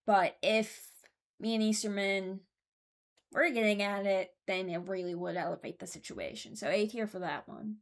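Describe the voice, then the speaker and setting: A young woman hosts a video ranking game voice lines, offering casual, unscripted commentary. Her voice is medium in pitch and steady in tone at a moderate pace, though she rambles and hesitates as she thinks aloud.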